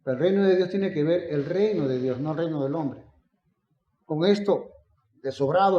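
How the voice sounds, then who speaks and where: A man preaching a sermon, swinging between loud emphatic declarations and quiet storytelling. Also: on the high side. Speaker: pastor. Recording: echoey room, dull lo-fi sound.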